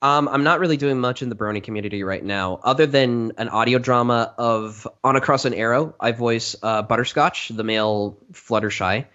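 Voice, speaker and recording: A man of ordinary pitch talking loosely as an interview guest, looping through fillers and false starts. The recording is slightly dull and lo-fi. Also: moderate pace, few pauses, sharp tone. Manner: rambling, many fillers and restarts. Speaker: guest, fan filmmaker and voice actor. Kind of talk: casual interview chat.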